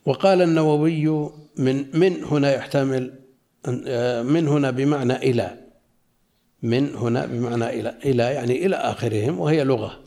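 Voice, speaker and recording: A man teaching a lesson, slowly reading a classical religious commentary aloud and explaining it in plain spoken asides. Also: medium pitch, gravelly, mellow.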